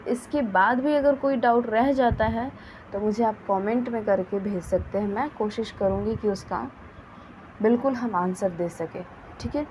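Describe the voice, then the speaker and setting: A woman teaching a grammar lesson, dictating example sentences slowly and carefully. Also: on the high side, darkish tone, slight background noise, low-quality recording. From India. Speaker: English teacher.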